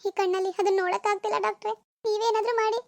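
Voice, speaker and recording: A woman's voice: very high-pitched, little pitch movement, racing, creaky, a little mellow, no room sound, pitched above the performer's own voice. A woman voicing a distraught mother in a cartoon, pleading tearfully with a doctor to cure her daughter. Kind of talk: Kannada cartoon voice acting.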